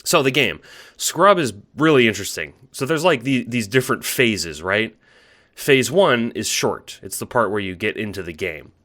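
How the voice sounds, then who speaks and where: In an audio drama monologue and dialogue, a man plays a timid young alien troll with a bright, forward voice of fairly low pitch. Anxious to please, the troll stammers, halts, and second-guesses himself as he talks.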